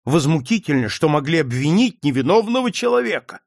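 A man's voice: on the high side, big pitch swings, brisk, gravelly, dry recording, clean studio sound, voice pushed up, exaggerated voice. A man voicing an indignant young man who speaks sternly and heatedly. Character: young indignant fiancé, hot-tempered.

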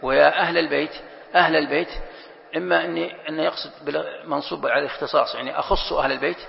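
Man with a gravelly voice teaching quran commentary, reads a bit then explains it, echoey dull recording. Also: fairly high pitch, steady tone, racing. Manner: reads a passage, then glosses it with rhetorical questions. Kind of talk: classroom Quran commentary lesson. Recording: echoey hall, dull lo-fi sound.

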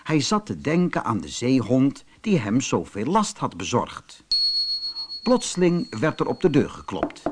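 A man from the Netherlands reading a fairy tale aloud in an expressive, measured storytelling manner. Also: mid-range voice, noisy background.

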